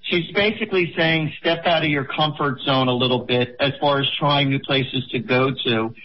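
A man's voice: medium pitch, moderate pace, dull audio. A man in his fifties co-hosting a radio advice show, chatty and joking. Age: 50s. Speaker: radio co-host.

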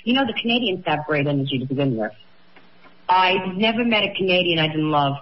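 A woman's voice: lowish voice, expressive, fairly quick, dull audio. A woman in her sixties co-hosting a radio advice show, talking emphatically and encouragingly. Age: 60s. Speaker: psychic radio co-host.

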